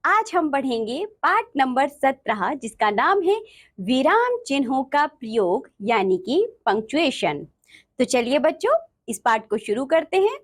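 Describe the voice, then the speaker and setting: A woman's voice: high-pitched, big pitch swings, measured pace. A woman teaching a grammar lesson to children, explaining each point with examples and addressing the class often.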